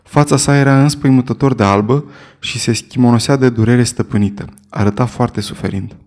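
Male audiobook narrator, steady first-person delivery, mid-range pitch.

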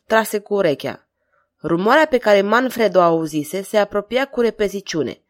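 Woman reading an audiobook dramatically. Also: mid-range voice. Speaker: volunteer audiobook reader. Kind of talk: scripted audiobook narration.

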